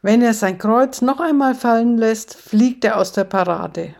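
A snobbish governor's wife, played by a woman telling a joke, speaks high and haughty and brushes everything off. There is a creaky edge under the airs. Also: measured pace, a little mellow.

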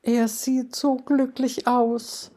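A woman's voice: on the high side, level tone, very slow, warm tone, voice pushed up. A woman voicing a grieving widow who sobs and sniffles at her husband's coffin. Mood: tearful. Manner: sobbing, sniffling.

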